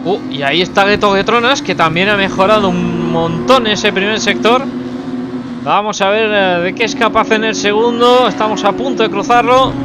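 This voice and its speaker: A man giving live motorsport commentary, calling out the action and exclaiming at position changes. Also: high voice. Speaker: sim racing commentator. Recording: loud car engine noise behind.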